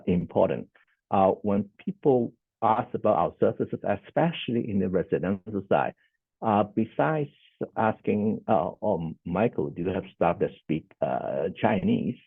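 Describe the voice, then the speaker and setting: The presenter is a social worker from Hong Kong, a native Cantonese speaker, giving a conference presentation by video call with a gravelly, husky, very deep voice. Each point gets a summarizing "okay" in his measured, deliberate delivery, heard through tinny, phone-like audio that is dry and close with no echo.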